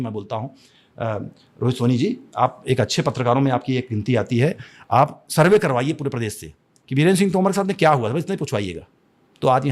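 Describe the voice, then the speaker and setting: A man from Chhattisgarh giving a podcast interview, speaking in an impassioned, declamatory way, repeating phrases and restarting often. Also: mid-range voice. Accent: Chhattisgarh Hindi. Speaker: interview guest.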